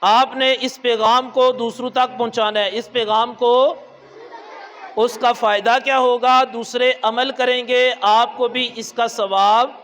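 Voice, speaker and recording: High-voiced Pakistani man lecturing children. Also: steady tone, fairly bright tone, some chatter behind. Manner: coaxing, quizzes children, calls them "son". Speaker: guest religious lecturer at a school. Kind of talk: school assembly talk, closing prayer. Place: outdoor school assembly in the sun. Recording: echoey PA sound, heard from far off.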